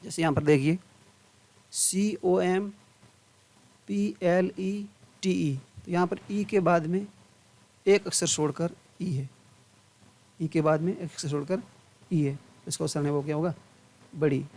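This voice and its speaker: Man spelling out English sounds slowly. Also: on the high side, steady tone, darkish tone. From India. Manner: spells words letter by letter, then stretches each sound slowly; asks questions then answers them himself. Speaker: English teacher. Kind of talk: spelling-out pronunciation lesson.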